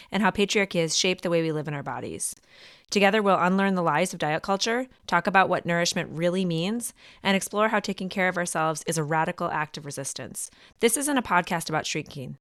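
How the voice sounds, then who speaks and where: A woman's voice: fairly low pitch, a bit bright, no room sound, studio quality. A woman from Philadelphia co-hosting a podcast, chatting casually and laughing easily, with lots of fillers and restarts. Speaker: podcast co-host.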